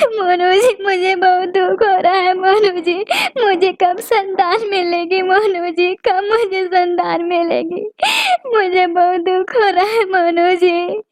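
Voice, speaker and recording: In a cartoon voice-acting role, a woman plays a sad, childless female sparrow in a very high voice. The bird is tearful and quick to anger, and she pleads through sobs.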